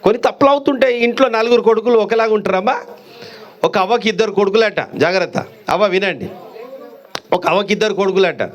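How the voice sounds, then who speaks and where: A man preaching a sermon in a church, telling stories and acting out their voices, swinging between high exclamations and low drawn-out lines. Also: a bit bright, smooth. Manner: storytelling, acting out voices of mother and son. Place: church hall.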